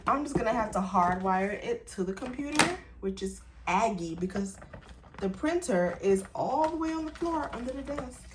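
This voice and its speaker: A woman's voice: on the high side, lively intonation, moderate pace, background noise. Chatty woman crafting on camera. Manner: chatty, talks to herself and viewers while working. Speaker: crafter making custom shirts. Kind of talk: casual vlog chat. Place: home craft room.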